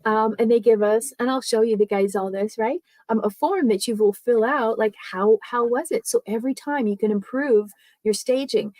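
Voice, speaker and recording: A woman speaking coach giving a live training talk, speaking softly and chattily with many fillers and tag questions like "right?" and "okay?". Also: fairly high pitch, moderate pace, dry recording.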